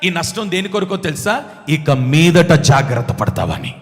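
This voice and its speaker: A man preaching a sermon as pastor, emphatic, urging the congregation to answer back louder. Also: on the high side, very animated, normal speed. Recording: long hall reverb.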